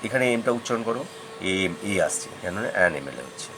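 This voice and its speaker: A man whose first language is Bengali explains English grammar with a fairly low voice. He goes over each example twice and stops to ask whether it is clear. A faint hum of ambience sits under the recording. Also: expressive, brisk. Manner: patient, repeats examples, asks checking questions.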